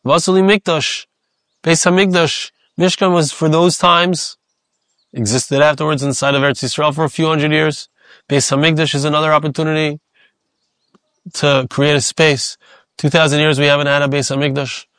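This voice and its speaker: Man, rabbi giving a Torah sermon, reflective, repeats phrases, fairly high voice, dry close sound. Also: fairly even intonation, moderate pace, a bit bright, dry recording.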